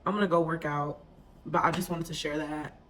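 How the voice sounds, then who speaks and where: A woman's voice: low voice, fairly even intonation, a little fast, a bit bright, slight background noise. A woman in her twenties talking to camera in a casual vlog. She is chatty and emotional, uses many fillers, and sometimes drops to a near whisper. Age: 20s. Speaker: vlogger.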